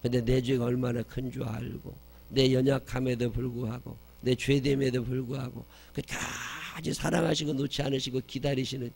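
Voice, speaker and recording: A man preaching a sermon as pastor, telling stories with loud emphasis and dropping soft for tender quotes. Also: mid-range voice, creaky, slightly rough.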